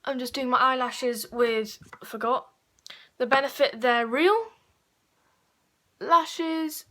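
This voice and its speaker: A woman's voice: high voice, slow, fairly bright tone. A woman chatting her way through a makeup tutorial, rambling and correcting herself as she goes. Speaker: beauty vlogger.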